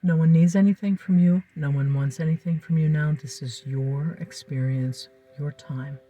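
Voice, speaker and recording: A hypnotist leading a calm guided induction, with soft, breathy, soothing speech and slow phrases broken by lingering pauses. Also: medium pitch, faint music behind.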